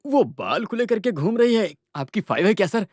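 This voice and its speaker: A man's voice: high-pitched, sing-song, normal speed, a little mellow, no echo, studio quality. An actor dubbing a mocking, commanding male police officer in a Hindi film scene.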